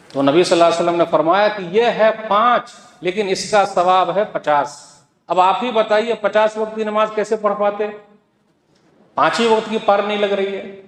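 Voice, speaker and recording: A man preaching a Friday sermon, exhorting the listeners with rhetorical questions and quoted scripture. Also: high voice. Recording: echoey hall with long reverb.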